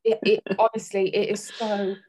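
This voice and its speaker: A woman's voice: mid-range voice, level tone, moderate pace, mellow, low-quality recording. A woman, hosting a podcast as a candid, chatty conversation, laughing easily. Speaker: podcast host. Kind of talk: casual chat.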